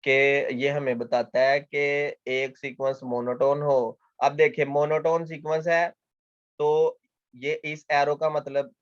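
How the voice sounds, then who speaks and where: A man's voice: a little high, level tone, a little slow, no echo. Man explaining a math lecture, dry lo-fi sound. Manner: patient, repeats key points, asks and answers his own questions. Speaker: mathematics lecturer. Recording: dull dry lo-fi lecture recording.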